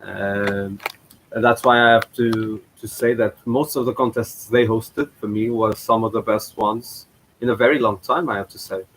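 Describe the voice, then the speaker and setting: A man hosts his own channel, reacting to a past contest with casual, hesitant commentary full of fillers and restarts. His voice sits on the low side and is a bit bright, with fairly even intonation and a moderate pace. The recording is low quality, with slight background noise.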